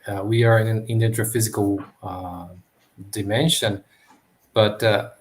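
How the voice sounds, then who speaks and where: A man hosting an interview, asking long questions in a halting way as he searches for words. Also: fairly low pitch, fairly even intonation. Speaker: host. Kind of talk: interview conversation.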